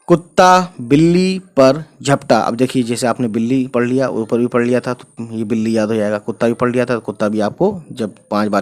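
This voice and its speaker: A male teacher works through a beginners' reading lesson at a patient, deliberate pace. He names each letter, then reads the word it makes. He keeps checking that the viewer is following along. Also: mid-range voice, darkish tone. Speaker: Urdu teacher. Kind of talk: slow spelling-out reading lesson.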